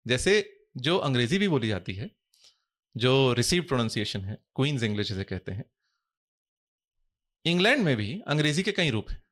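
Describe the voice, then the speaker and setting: Measured man explaining in formal Hindi. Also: medium pitch, big pitch swings, fairly bright tone. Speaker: guest scholar. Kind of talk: podcast interview.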